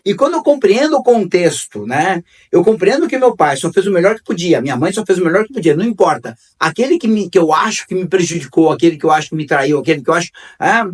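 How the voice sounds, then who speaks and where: A man's voice: high voice, sing-song, fast talker, hardly any pauses, husky, distant mic. A man hosting a conversational talk on forgiveness, repeating key phrases and telling stories. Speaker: host.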